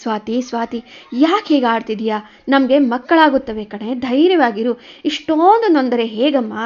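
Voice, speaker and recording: A woman voicing a gentle young husband who soothes and coaxes his wife. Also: fairly high pitch, lively intonation, moderate pace, lo-fi sound, close to an everyday voice. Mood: soothing. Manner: soothing, coaxing.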